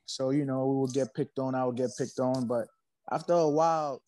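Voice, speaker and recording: A man's voice: mid-range voice, steady tone, normal speed, darkish tone, dry recording, low-quality recording. Laid-back slangy Haitian-born man. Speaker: guest musician. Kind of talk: casual interview talk.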